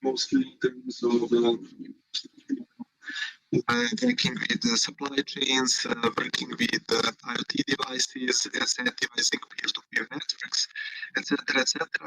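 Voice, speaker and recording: Hesitant man with a creaky, dry-sounding voice. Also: medium pitch, fairly bright tone, no room sound, rough recording. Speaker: guest conference speaker. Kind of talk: informal online presentation. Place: at home, indoors. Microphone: internet call.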